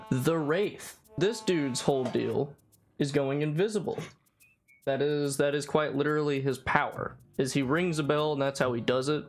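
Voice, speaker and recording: A young man talks through a casual game in a loose, rambling way, stumbling and repeating himself as he goes. His pitch sits in an ordinary middle range, and he breaks into laughter often. Faint music plays underneath. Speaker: YouTuber hosting a guessing game. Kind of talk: casual chat. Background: background music.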